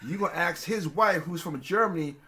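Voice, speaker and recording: A man's voice: sits high, brisk, bright, forceful tone, a little hiss or hum. A man hosting a casual political talk show, rambling with many restarts and growing heated. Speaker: podcast host.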